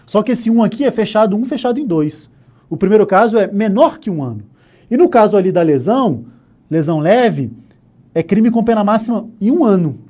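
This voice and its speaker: A man's voice: sits high, lively intonation, a little fast, mellow. A Brazilian man teaching an exam-prep law lesson, walking through the answer step by step and checking in with the listener often. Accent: Brazilian Portuguese. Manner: explains step by step, often asking "né?", "ok?", "tá?". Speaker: law instructor. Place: online course studio.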